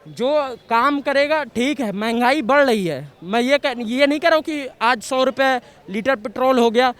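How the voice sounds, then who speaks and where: A man's voice: very high voice, lively intonation, normal speed, smooth. A man from Uttar Pradesh giving blunt, emphatic opinions to a street reporter outdoors in a city. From Uttar Pradesh, India. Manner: emphatic, blunt, repeats points forcefully. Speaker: passerby interviewed on the street. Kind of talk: street vox-pop opinion.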